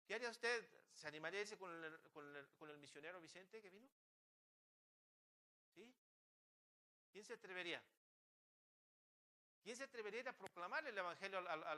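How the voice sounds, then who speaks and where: In a church, a male pastor preaches with a high, bright voice that has a forceful edge. He keeps challenging listeners with impassioned rhetorical questions while stumbling and restarting his lines.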